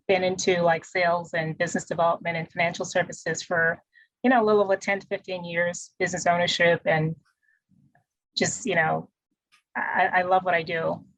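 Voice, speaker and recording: A woman from the Bahamas, a guest on a podcast, chatting in a relaxed way with many fillers. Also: fairly low pitch, creaky, dry recording, poor audio. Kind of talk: casual interview chat.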